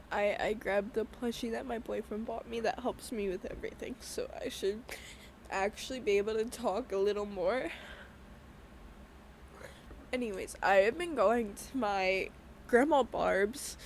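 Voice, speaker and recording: Tearful young woman, halting and apologetic. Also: fairly high pitch, darkish tone, slight background noise, poor audio. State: crying. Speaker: podcaster. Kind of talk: personal podcast monologue.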